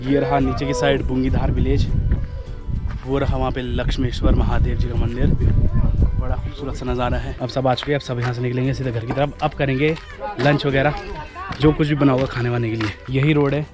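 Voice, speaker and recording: A man's voice: medium pitch, fairly quick, over loud music. Man narrating a mountain vlog. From Uttarakhand, India. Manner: relaxed, chatty guide talk. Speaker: travel vlogger.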